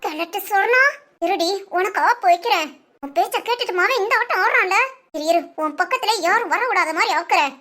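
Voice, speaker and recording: A shrill sharp-tongued young wife. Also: female voice, expressive, fast talker, full character voice. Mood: muttering. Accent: Tamil Nadu village speech. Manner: sarcastic, mutters spiteful asides. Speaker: daughter-in-law.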